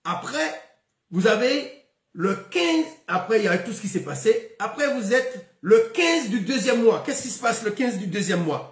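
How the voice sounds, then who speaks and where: A man's voice: high voice, animated, moderate pace, roomy sound. A man giving a spoken Bible lesson, stopping often with fillers and repeated words. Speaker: Bible teacher.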